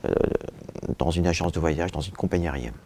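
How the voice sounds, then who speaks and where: Low gravelly man in an interview. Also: fairly quick, over loud music. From born in Turkey, raised in France. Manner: frequent "euh" and "je dirais" fillers, hesitant then emphatic. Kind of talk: seated interview answers. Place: indoor office with bookshelves. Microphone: lapel mic.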